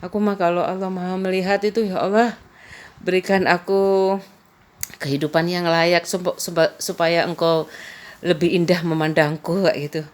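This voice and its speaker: Chatty, rambling woman vlogger. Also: on the low side. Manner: rambling, chatty, laughs often. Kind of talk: casual personal vlog chat.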